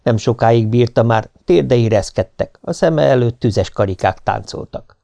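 A man reading an adventure novel aloud as an audiobook narrator, at a steady, measured pace. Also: medium pitch, vocal fry, dry recording.

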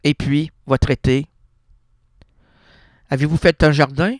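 A man's voice: a little high, fairly even intonation, slow, no echo, studio quality. A man with a Québécois accent hosting a radio show, rambling freely with playful wordplay and constant self-corrections. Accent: Québécois French. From Quebec. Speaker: radio host. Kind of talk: freewheeling absurdist radio monologue. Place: radio studio.

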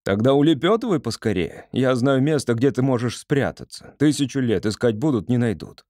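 A man's voice: medium pitch, lively intonation, moderate pace, a little mellow, dry recording, clean studio sound, close to an everyday voice. A man voicing a stern, sly male wolf for an audiobook, grumbling and coaxing in turns. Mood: urging. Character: gruff, sly male wolf, loyal friend. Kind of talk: audiobook character voice.

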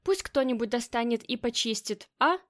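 A grief-worn, hot-tempered female gang leader, read by a woman in an audiobook. She sounds high and clear, flat one moment and barking orders the next. Her lines come in a storybook reading. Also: moderate pace, natural voice. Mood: commanding. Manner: shifts between flat weariness and angry shouting.

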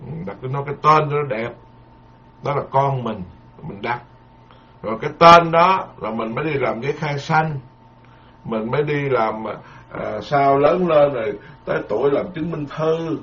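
A man's voice: medium pitch, moderate pace, fairly bright tone. A man, a Buddhist monk giving a dharma lecture in a folksy, repetitive, emphatic way, full of proverbs. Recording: dull lo-fi lecture recording.

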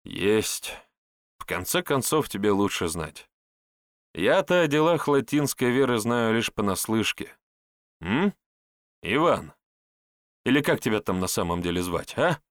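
A blunt, scornful hero, as a male reader puts him on for an audiobook, mocking and plain-spoken in a fairly low voice. The recording is dry and close. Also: very animated, a little slow, long pauses, no echo. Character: sardonic, blunt young male hero with a sharp tongue.

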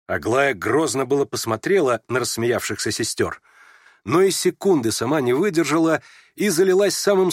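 A man narrating a classic novel as an expressive audiobook reading. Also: medium pitch, no room sound, clean studio sound.

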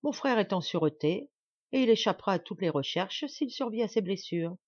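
Brief: woman reader as a desperate heroine, clipped and icy, lively pitch, audiobook. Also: normal speed, slightly rough, no room sound, lo-fi sound. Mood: cold. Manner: cold, clipped. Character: proud young woman, cold and desperate.

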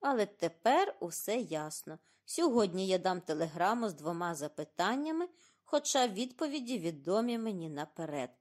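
A woman reading an audiobook and voicing an excitable, fussy middle-aged male detective who speaks theatrically and in exclamations. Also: mid-range voice, normal speed. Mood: confident.

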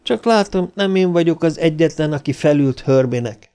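A man reading an audiobook, voicing a sharp, mocking woman robot psychologist with a sarcastic, biting delivery. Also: fairly high pitch, expressive, smooth.

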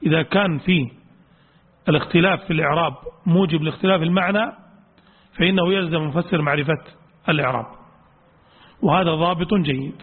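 Fast-talking man lecturing, husky, tinny. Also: a little high. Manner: explanatory, repeats key points, reads quotes aloud. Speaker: lecturer on Quran exegesis. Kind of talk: religious studies lecture, explaining a text. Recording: tinny lo-fi lecture recording with long hall reverb.

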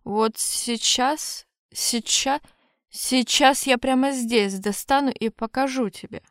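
A woman's voice: high voice, slow, no echo, clean studio sound. Woman voicing an unhinged possessed elf girl. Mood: drunken slurring. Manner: swings between wailing, drunken slurring and cold threats. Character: possessed young female elf, unstable.

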